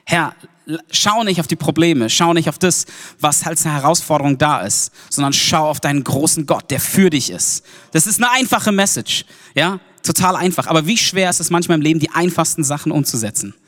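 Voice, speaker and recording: A man from Germany preaches a casual sermon with lively, slangy interjections. His voice sits a little high, and a long hall reverb trails behind each phrase. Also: brisk.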